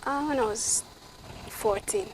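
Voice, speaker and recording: A young woman from Nigeria, a guest in an interview, giving short, soft-spoken answers. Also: fairly high pitch, unhurried, a little hiss or hum, low-quality recording. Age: young adult.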